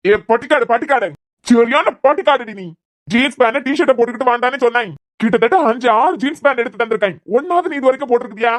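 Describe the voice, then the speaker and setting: A hot-tempered young man, voiced by a woman, argues at a rapid clip in a Kanyakumari Tamil accent. His scolding, argumentative manner suits a homemade cartoon serial. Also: a little high, lightly acted. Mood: mocking. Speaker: voice artist.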